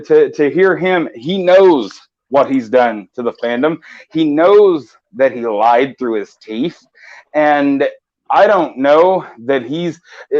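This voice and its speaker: In a casual morning live-stream chat, the male host's voice runs high with a darkish tone. He rambles with passion in long stretches, often starting over, and the recording sounds a little muffled.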